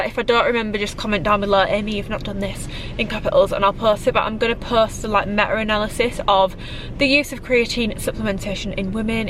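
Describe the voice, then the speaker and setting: Talking to camera with plenty of likes and ums, a British woman in her twenties who vlogs about fitness sounds a bit stuffed up from a cold. Her voice is medium-pitched, the background is noisy, and she films in a parked car and at home.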